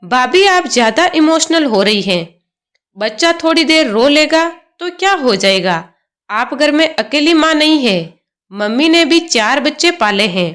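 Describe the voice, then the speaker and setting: A woman's voice: high voice, lively intonation, a little slow, a bit bright. A woman voicing a young brother-in-law who talks in a condescending, sneering way. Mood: mocking.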